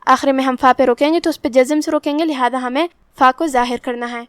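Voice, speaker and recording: A woman teaching Quran recitation rules, explaining each letter calmly and reciting verses very slowly. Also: high voice, clean tone, no echo, studio quality. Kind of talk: tajweed lesson with slow recitation.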